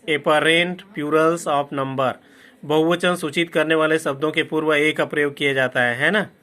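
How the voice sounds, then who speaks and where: A man teaching a lesson on reading a dictionary in his English words. He checks in with "है ना" after each point and slows down to spell out English terms. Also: on the high side, sharp tone. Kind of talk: classroom lesson explaining a dictionary.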